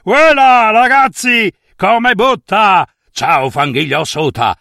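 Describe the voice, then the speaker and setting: A man voicing a reckless, cheeky male zombie biker who shouts and makes revving engine noises in a storybook. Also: high-pitched, lively intonation, takes it slowly, gravelly, no room sound, clean studio sound, pitched above the performer's own voice, exaggerated voice. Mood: rowdy.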